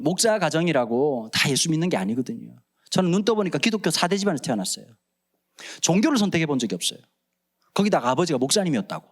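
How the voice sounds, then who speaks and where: A man in his forties with a Busan accent, preaching a humorous sermon in church, acting out quoted voices as he tells stories. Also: fairly high pitch. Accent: Gyeongsang (Busan). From Busan, South Korea. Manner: animated storytelling, acts out quoted voices, jokes. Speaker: pastor. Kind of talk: humorous sermon at a prayer meeting. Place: church sanctuary.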